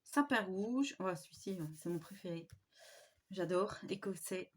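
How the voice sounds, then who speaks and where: A woman vlogger doing a casual show-and-tell of scrapbooking papers, speaking softly and admiringly with frequent hesitations. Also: mid-range voice, expressive, a little slow. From France. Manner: soft-spoken, admiring, with frequent fillers.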